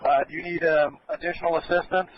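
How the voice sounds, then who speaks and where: A male fire commander gives instructions on a dull-sounding radio channel with faint noise. His voice is slightly high and stays even in tone as he directs crews in an orderly, polite way. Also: fast. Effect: two-way radio.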